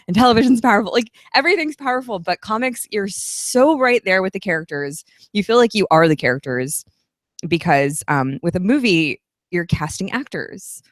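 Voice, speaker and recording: A woman in her thirties, appearing as a guest author at a live event, speaks with a fairly low pitch and no room sound. In this casual interview she gives long, chatty, earnest answers.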